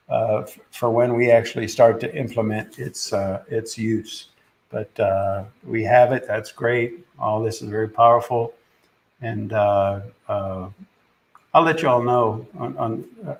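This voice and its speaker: A man hosting a podcast, speaking in a halting, casual way about spiritual ideas, with many fillers and restarts. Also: lowish voice, vocal fry, darkish tone, low-quality recording. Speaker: podcast host and spiritual teacher.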